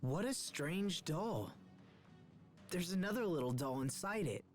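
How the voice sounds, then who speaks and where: Lively young game hero. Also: male voice, high voice, measured pace, faint music behind. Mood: curious. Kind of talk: video game voice acting.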